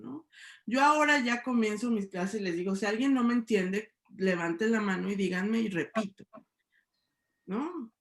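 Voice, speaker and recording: Her medium-pitched voice carries a roomy sound. She is a middle-aged sociology professor with a Mexican Spanish accent, reflecting thoughtfully in a debate, hedging a lot and tagging statements with "¿no?"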